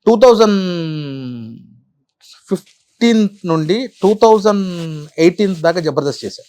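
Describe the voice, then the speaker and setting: A middle-aged man and comedian, telling animated stories in an interview, repeating phrases for effect. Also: sits high, a little slow, dry recording. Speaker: comedian guest. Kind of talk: storytelling interview.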